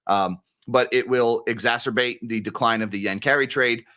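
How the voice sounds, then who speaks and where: A man giving heated live-stream commentary, fiery and mocking as he rants. His voice sits at an ordinary middle pitch. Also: steady tone, normal speed, bright, forceful tone. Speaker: co-host, commentator.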